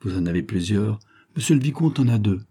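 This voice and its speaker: A man's voice: fairly low pitch, animated, brisk, mellow, breathy edge. A man voicing a cunning young man who poses as a servant and speaks in a sly, insinuating way, in an audiobook. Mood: knowing.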